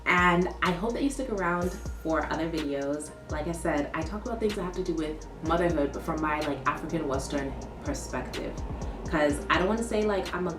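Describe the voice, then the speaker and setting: A woman's voice: low voice, a little fast. A young woman chatting casually to camera about motherhood, peppering her talk with "like". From born in the US, raised in London. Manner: chatty, lots of "like" fillers. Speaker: vlogger, new mother. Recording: roomy echo, heard from a distance, faint music behind.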